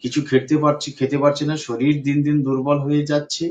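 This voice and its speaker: A man's voice: fairly high pitch, flat delivery, fast, darkish tone, close to an everyday voice. A man voicing a weary middle-aged patient who repeats their complaints in a pleading, tired tone. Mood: despairing. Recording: dull lo-fi recording.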